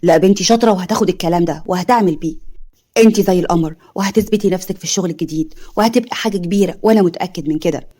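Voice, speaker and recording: A woman voicing a gentle, reassuring middle-aged Egyptian father in a spoken drama story. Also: high-pitched, rapid-fire, voice pushed down. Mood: tender.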